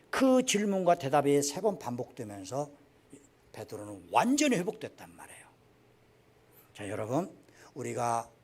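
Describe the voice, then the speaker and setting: A male pastor preaching a sermon, acting out the quoted dialogue and swinging between loud exclamations and near-whispers. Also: on the high side. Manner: dramatic, acts out quoted dialogue with big swings in volume. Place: church sanctuary.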